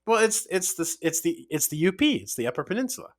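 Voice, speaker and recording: A man's voice: sits high, quick pace. A man co-hosting a podcast in casual chat, often repeating words as he explains. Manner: animated, repeats himself while explaining. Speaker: podcast co-host.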